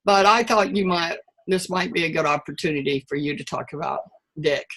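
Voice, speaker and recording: A woman leading a weight-loss group over a video call, her voice husky and a little breathy. She talks in a loose, rambling way, circling back and restarting as she goes. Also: low-pitched, fairly quick, fairly bright tone, low-quality recording. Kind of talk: casual group talk.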